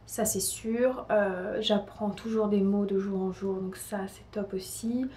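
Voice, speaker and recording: A woman's voice: medium pitch, steady tone, measured pace, warm tone. Chatty young French woman vlogging. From France. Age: young adult. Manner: chatty, lots of hesitations and restarts. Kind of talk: casual monthly update to camera.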